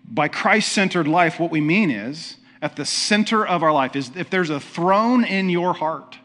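A man's voice: fairly high pitch, expressive, a little slow, a bit bright, faint music behind. A man preaching a sermon in a conversational way, asking the listeners questions and often restarting his sentences. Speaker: pastor.

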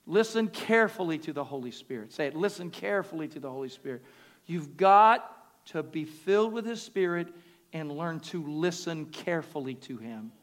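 A man preaching a sermon in a booming, exhortatory motivational manner, insistently repeating phrases and calling on listeners to respond. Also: expressive, moderate pace. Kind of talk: sermon with altar call and prayer. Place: live service before a congregation. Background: music playing.

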